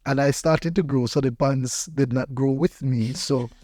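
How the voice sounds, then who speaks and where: A Belizean-accented pastor from Belize guests on a podcast, recounting personal stories conversationally and repeating phrases for emphasis. His voice sits at medium pitch and sounds mellow, with no echo.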